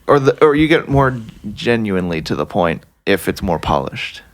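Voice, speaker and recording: A man's voice: lowish voice, very animated, normal speed. A man hosting a casual podcast interview, asking curious follow-up questions. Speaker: podcast host.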